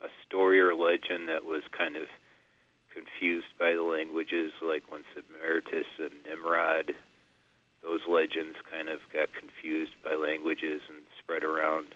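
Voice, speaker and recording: A man phones into a late-night radio show on a landline, his voice thin and tinny down the line. He talks in a low, flat register, halting and padding with fillers as he goes. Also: no echo. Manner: halting, loose chatty phrasing with fillers. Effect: over a landline phone. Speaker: radio call-in caller. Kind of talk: casual call-in chat.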